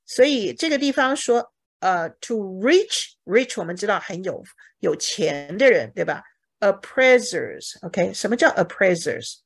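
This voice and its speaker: A woman's voice: medium pitch, lively intonation, a little slow, husky. A woman teaching a bible English lesson in Mandarin, explaining each word and checking with her students. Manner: acts out examples dramatically.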